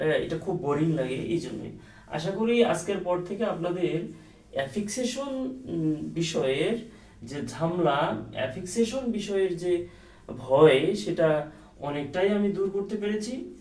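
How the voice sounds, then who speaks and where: A man's voice: high voice, darkish tone, recorded from a distance. A man teaching a video lesson, patient and repetitive, with many hesitant fillers. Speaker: English teacher. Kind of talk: video lesson explaining at a board. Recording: echoey room, voice a bit off-mic.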